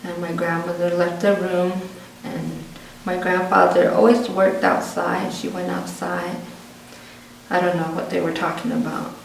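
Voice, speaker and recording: Low gravelly-voiced woman telling a story. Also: measured pace. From Pueblo community, New Mexico. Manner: lively storyteller who acts out family dialogue. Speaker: oral history interviewee. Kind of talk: storytelling in an interview. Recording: roomy, distant, faint background noise.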